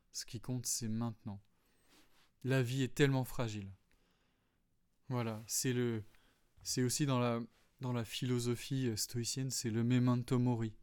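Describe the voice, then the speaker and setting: A man hosting a solo podcast, calmly explaining philosophy, with frequent fillers and restarts. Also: mid-range voice. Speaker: podcast host. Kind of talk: reflective solo talk on philosophy.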